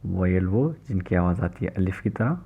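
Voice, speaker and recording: A man's voice: deep voice, lively intonation, normal speed, creaky, husky. A man giving a recorded language lecture, explaining patiently and checking in often. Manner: explains patiently, repeats "theek hai" often. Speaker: language teacher. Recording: tinny phone-like recording.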